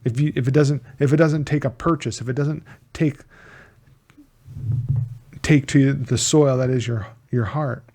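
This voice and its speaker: With an even, mid-range voice, an American man leads an informal Bible teaching. His earnest delivery features repeated key words for emphasis and frequent restarts of his phrases.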